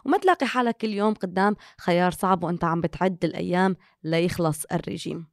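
A woman's voice: lowish voice, fast, dry recording, clean studio sound. A woman with a Levantine Arabic accent, co-hosting a conversational podcast and mixing in English words. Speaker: co-host.

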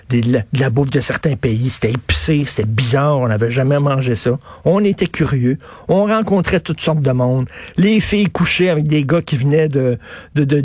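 Ranting Québécois radio host, higher-pitched man. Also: a little mellow, no echo, clean studio sound. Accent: Québécois French. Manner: ranting, emphatic and scornful; mocking asides in put-on voices. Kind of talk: opinionated talk-radio monologue.

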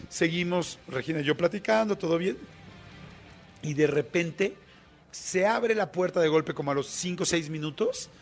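A man with a Mexican Spanish accent, a radio guest telling a story in a colloquial, animated way with many fillers. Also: on the high side, moderate pace, soft background music.

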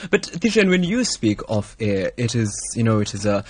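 A man interviewing a guest in a measured, probing, conversational manner. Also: on the low side, big pitch swings.

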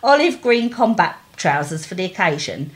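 A woman with an East London accent, reading a story aloud with blunt, chatty asides in an animated way. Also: lowish voice, moderate pace. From East London, England.

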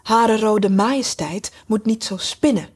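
Woman voicing a spirited young storybook girl, lifted childlike tone, slightly husky. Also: mid-range voice, measured pace, darkish tone. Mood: coaxing. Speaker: storybook character voiced by narrator.

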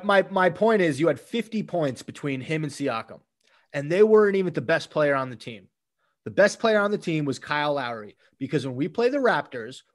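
A man co-hosting a casual sports talk show, animated as he rattles off game stats and recaps plays. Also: fairly high pitch. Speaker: sports podcast co-host.

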